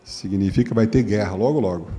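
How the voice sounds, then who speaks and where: A man with a Brazilian Portuguese accent giving a humorous lecture, joking and mimicking women's voices in a higher tone. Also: fast talker, warm tone. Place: lecture hall. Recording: long hall reverb.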